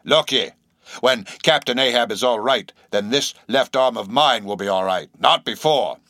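In an audiobook, a man voices a shabby, insanely earnest old sailor, speaking abruptly with nervous emphasis and firing off derisive, cryptic questions in a derisive, ominous mood. His mid-range delivery is pushed and bright, pitched above his natural voice, at a moderate pace. The recording is dry and studio quality.

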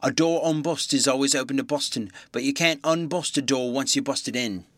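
A man reading aloud voices a knowing village blacksmith who speaks slowly and gravely in rustic dialect. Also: medium pitch, a bit bright, no room sound, clean studio sound, lightly acted. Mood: deliberate. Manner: slow, weighty, rustic dialect.

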